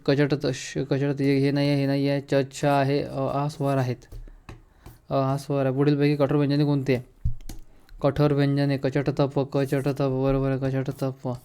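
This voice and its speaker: Man with a flat, mellow voice. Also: medium pitch, smooth. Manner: repeats answers, checks them aloud. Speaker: exam coaching teacher. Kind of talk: grammar lesson going through quiz questions.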